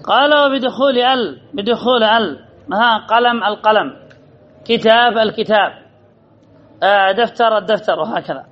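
A man with a high voice teaching a grammar lesson. He repeats key phrases and asks questions that he answers himself. The recording is dull and lo-fi. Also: normal speed.

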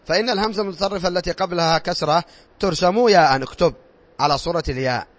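A man's voice: high voice, quick pace. A man teaching a classroom grammar lesson, reading rules aloud, drilling examples and quizzing his pupils in a classroom. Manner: repetitive, drilling tone.

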